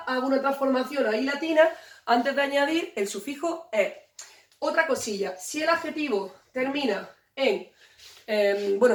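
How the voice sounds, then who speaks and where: A woman explains grammar at a whiteboard, patient and steady, often posing a question and answering it herself. Her voice sits a little high. The sound is roomy and comes from some way off the microphone. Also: far from the mic. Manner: patient, repeats key points, asks and answers own questions. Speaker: English teacher.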